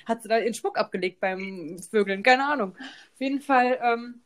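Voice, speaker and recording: A woman with a fairly high voice tells a long personal story on a podcast. She talks casually and keeps checking in with her co-host. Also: normal speed. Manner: chatty, peppers talk with "ne?" tag questions.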